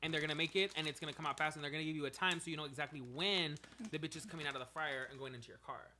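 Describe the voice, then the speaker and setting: A young man in his twenties chatting on a podcast in a studio, telling animated, profane, slang-filled stories. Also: on the high side, rapid-fire, a little hiss or hum. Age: 20s. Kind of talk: casual chat.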